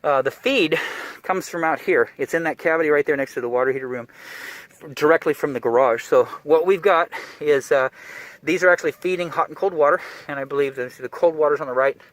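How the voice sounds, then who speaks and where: A man's voice: fairly high pitch, a bit bright, no echo. A man, a plumbing contractor, giving a casual, rambling job-site walkthrough in a cramped attic, out of breath behind a mask. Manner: quick, rambling, with fillers and restarts.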